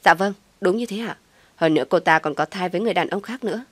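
A woman's voice: fairly low pitch, fast, fairly bright tone, no room sound. Jealous scheming young rival, as a woman puts her on. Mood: indignant.

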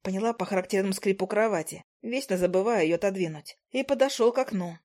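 A woman reading a story aloud in the first person, with a wry, lively storytelling manner. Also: mid-range voice, fast. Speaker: audiobook narrator. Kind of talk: first-person scripted narration.

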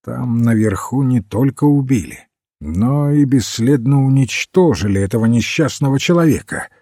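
A man voicing an anxious, sharp-tongued young man in a storybook reading, speaking curtly. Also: mid-range voice, expressive, normal speed, no room sound, studio quality, voice pushed up. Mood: agitated. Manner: agitated, curt.

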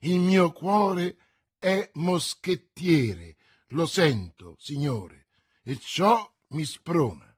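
An eager young swordsman pledges himself with earnest fervour, as a man reads him. His voice is husky and high, and his delivery slow and heartfelt. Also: sing-song, heavily acted. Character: eager young male Gascon swordsman, bold.

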